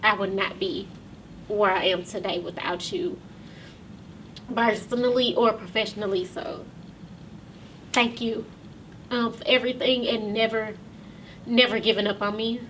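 Brief: woman host, chatty and full of ums, close to tears, crisp bright tone, mic set back with faint noise. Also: medium pitch, steady tone, distant mic. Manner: loose and chatty, with many ums and pauses. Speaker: podcast and talk show host. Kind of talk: casual address to viewers.

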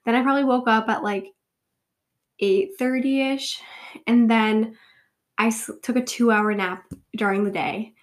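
Sniffly and congested from a cold, a young woman in her twenties hosts a casual solo chat on her podcast, rambling, giggling and poking fun at herself. Her nasal voice is fairly high and steady, a little slow, with frequent pauses.

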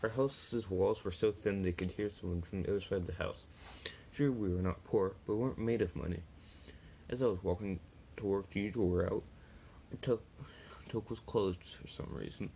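A man's voice: deep voice, normal speed, gravelly, warm tone, slight background noise, poor audio. A man reading a first-person story aloud, plainly, with small slips and restarts.

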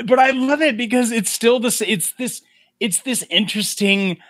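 This man hosts a laid-back film podcast in a very high voice at normal speed, with no room sound. He talks with lots of energy and performs the film's quotes in a breathy whisper.

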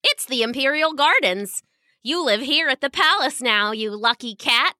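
A woman's voice: high-pitched, expressive, moderate pace, bright, forceful tone, dry recording, studio quality. A woman voicing a kind, cheerful young girl who works in a palace, in a sweet, coaxing tone, in a storybook tale.

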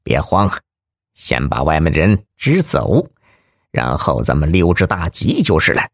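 A man playing a gruff, low kidnapper. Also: big pitch swings, moderate pace, no echo, studio quality, exaggerated voice. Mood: gruff, scheming. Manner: gruff, blustering, swearing. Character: tall gruff male kidnapper, bossy. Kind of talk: audiobook character voice.

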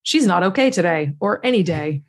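A middle-aged woman, a marketing entrepreneur, talking casually as a podcast guest and acting out her old sales pitches in lively little bits. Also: brisk. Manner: animated storyteller who acts out her own cold-call pitches. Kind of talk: casual interview conversation.

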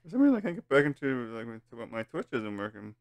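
A man's voice: mid-range voice, very animated, fast, no echo. A man hosting a podcast in casual chat, laid-back and stumbling over his words as he goes. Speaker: podcast host.

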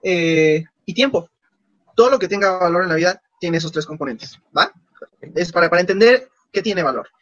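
A man's voice: sits high, normal speed, dry recording, muffled recording. A man, casually telling stories in an interview and acting out the dialogue. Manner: animated, acts out quoted dialogue. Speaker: guest.

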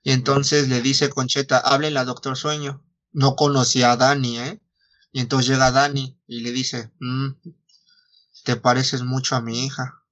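A man's voice: mid-range voice, flat delivery, moderate pace, a bit bright, muffled recording. A Mexican man retelling a story in casual chat, slangy and foul-mouthed, acting out the dialogue as he goes. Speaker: podcast host retelling a story.

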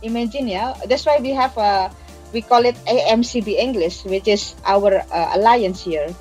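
A woman's voice: mid-range voice, moderate pace, a little mellow, faint music behind. A woman, an organizer answering in an interview with passion, explaining emphatically and repeating phrases to drive points home. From Indonesia. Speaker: migrant workers' organizer and activist.

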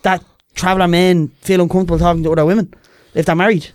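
A man's voice: high voice, flat delivery, fast, clean tone, dry recording. A man in his twenties with a Dublin Irish accent, telling stories colloquially in casual podcast chat. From Ballymun, Dublin, Ireland. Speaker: podcast guest.

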